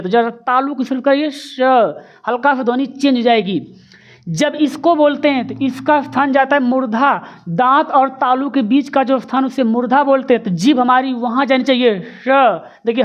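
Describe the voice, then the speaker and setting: A woman teacher giving an exam-prep grammar lesson, posing rhetorical questions, answering them herself and drilling sounds aloud. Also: high-pitched. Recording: dull lo-fi recording.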